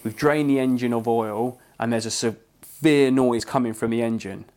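A young Englishman co-hosts a podcast, telling a story casually and animatedly while swearing freely. His voice is medium-pitched and his pace moderate.

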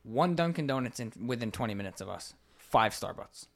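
A young American man co-hosting a podcast, telling stories in a casual, animated way and swearing a lot. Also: medium pitch, a little fast, creaky. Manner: animated storytelling with frequent swearing. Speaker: podcast co-host. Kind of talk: casual chat.

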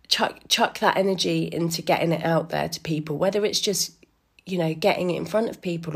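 A woman with a somewhat low, gravelly-edged voice and a slight wheeze talks off the cuff. She muses like a solo podcast host, chatty, informal and enthusiastic. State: a bit wheezy today. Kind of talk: casual solo musing.

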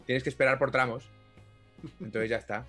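A man's voice: mid-range voice, fairly even intonation, normal speed, fairly bright tone. Catalan guy streaming, casual jokey chat, curses a lot, bit of music in the back. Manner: joking, swears freely, laughs often.

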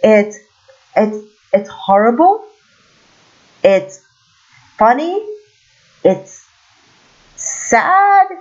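Woman from Turkey, a bit high-voiced, casual monologue with exclaimed asides, dull recording. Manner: animated storytelling, exclaims in quoted asides.

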